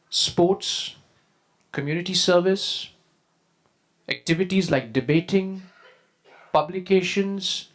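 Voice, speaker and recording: A man with an Indian accent giving a prepared talk as a school leader, in a formal, measured and emphatic way. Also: high voice. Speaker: school deputy head, conference speaker. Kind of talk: prepared presentation to an audience.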